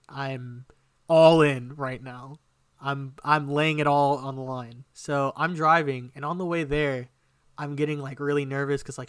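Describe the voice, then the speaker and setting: A young man telling a long personal story on a podcast in a casual, animated way, swearing freely. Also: medium pitch, clean tone, dry recording. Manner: animated, swearing a lot, quotes himself in lively bursts. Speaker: podcast co-host.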